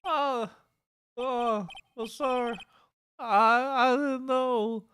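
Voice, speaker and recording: A man's voice: very high voice, steady tone, extremely slow, sharp tone, smooth, voice pushed up, heavily acted. A man voicing a nervous, flustered young police officer in a video game, stammering with a good ol' boy manner. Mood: panicked, apologetic. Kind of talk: reading video game dialogue aloud.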